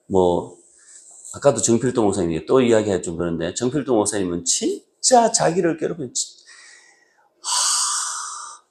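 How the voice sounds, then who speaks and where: A male pastor preaching a sermon, moving between raised exhortation and quiet low asides. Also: gravelly. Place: church sanctuary.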